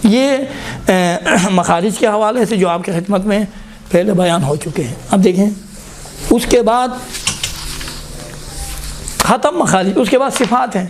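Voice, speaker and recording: Pausing often, a high-voiced man with lively intonation walks a classroom through Quran recitation. He explains letter formation and keeps demonstrating the sounds out loud, saying "look" as he goes.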